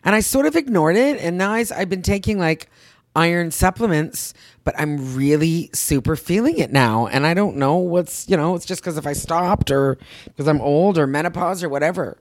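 Rambling, animated middle-aged woman. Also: on the low side, normal speed, no room sound, clean studio sound. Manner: rambling, animated storytelling, acts out her own thoughts, swears casually. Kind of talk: casual chat.

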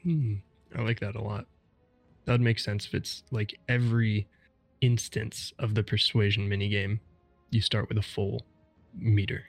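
A man's voice: fairly low pitch, flat delivery, moderate pace, soft background music. A man hosting a casual gaming podcast, explaining game mechanics methodically. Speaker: podcast host.

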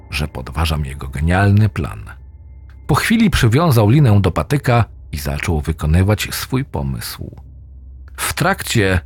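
A man's voice: on the low side, a little mellow, breathy edge. A man narrating a scripted horror story in a dramatic reading style.

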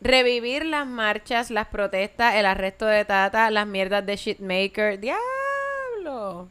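Bright, laughing Puerto Rican woman. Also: medium pitch, measured pace, clear, resonant tone. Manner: laughs often, animated. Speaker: podcast co-host. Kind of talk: casual podcast chat, recapping past episodes.

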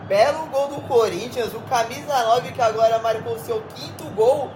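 A man's voice: very high-pitched, moderate pace, noisy background. A Brazilian man working as a football analyst, recapping a goal step by step in unscripted sentences. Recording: echoey, music behind.

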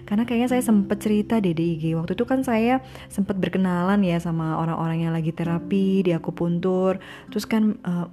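A woman's voice: on the low side, steady tone, a little fast, warm tone. A woman talking casually to her followers about her recovery routine, acting out little quoted exchanges as she goes. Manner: chatty, acts out small quoted exchanges. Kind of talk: casual personal talk to followers.

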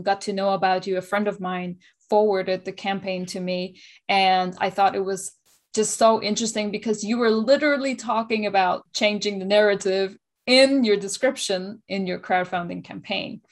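Casual, tentative woman host. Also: mid-range voice. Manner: casual, tentative, many fillers. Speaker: interview host. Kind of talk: conversational interview.

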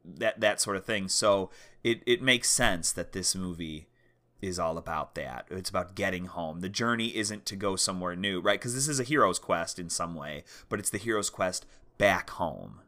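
A man's voice: sits low, normal speed, sharp tone. A man in a casual academic discussion, rambling and often checking in with "right?". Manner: rambling, circles back with "right?".

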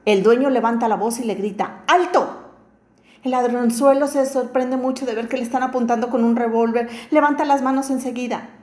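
Woman storyteller in an echoey room. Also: a little high. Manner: calm, measured narration. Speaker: storyteller host. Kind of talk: reading a story aloud. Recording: roomy echo.

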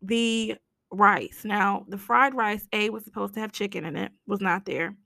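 An American woman hosting a casual solo podcast rant, hoarse with her voice nearly gone, raspy and whispery, speaking bluntly. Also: medium pitch, a little slow, sharp tone, no echo, studio quality. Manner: blunt, complaining, mildly sweary. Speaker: podcast host.

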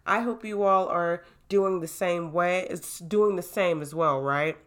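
A young woman hosting her own podcast, talking casually in an animated, hype-building way into a new microphone. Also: on the low side, measured pace. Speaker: podcast host. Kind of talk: casual solo podcast talk.

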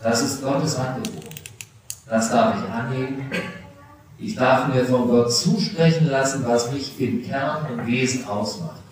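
A man's voice: medium pitch, a little slow, a little hiss or hum. A middle-aged man preaching a confirmation sermon, speaking personally and directly to teenagers. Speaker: pastor. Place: church. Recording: echoey church recorded from a distance.

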